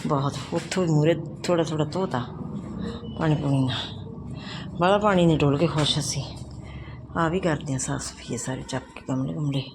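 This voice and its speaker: Punjabi woman, expressive exclaiming aunty type, coaxing a pet with motherly repeated phrases; casual home-video sound with clear background noise. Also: sits low. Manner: motherly baby-talk with repeated short calls and commands. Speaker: home vlogger talking to pet dog. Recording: noisy handheld home video.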